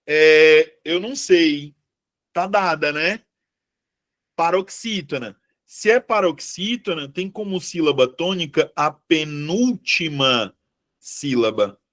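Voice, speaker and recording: A Brazilian Portuguese-accented man leads a live exam review, talking slowly and unhurriedly. His voice sits a little high for a man. He keeps asking the class questions and corrects his own slips out loud. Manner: chatty, checks in with students, corrects himself aloud. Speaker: exam prep teacher.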